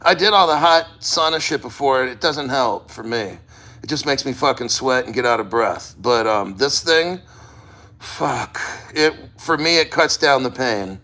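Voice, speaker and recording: Bright-voiced man rambling casually. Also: mid-range voice, normal speed. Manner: rambling, plain-spoken, profane. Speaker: vlogger. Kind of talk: casual first-person vlog talk. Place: sitting in a cold plunge.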